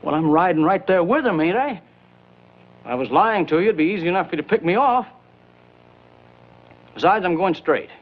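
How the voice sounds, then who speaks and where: A sly American outlaw from an old western, talking in a folksy, wheedling way. His voice sits fairly high for a man. The soundtrack is dull and lo-fi. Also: expressive, normal speed, long pauses. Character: sly outlaw claiming to go straight. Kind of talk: old western film acting.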